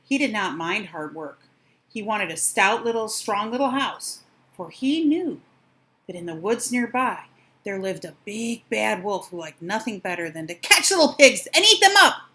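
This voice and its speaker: An older woman reading a children's storybook aloud with expressive, dramatic emphasis. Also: mid-range voice, normal speed.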